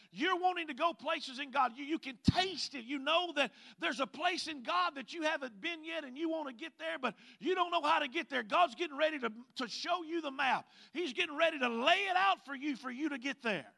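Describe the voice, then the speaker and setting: With a Mississippi accent from the Southern US, a man preaches, elongating scripture readings for emphasis and calling out for responses from the congregation. His voice is very high-pitched, expressive and gravelly, pushed and bright.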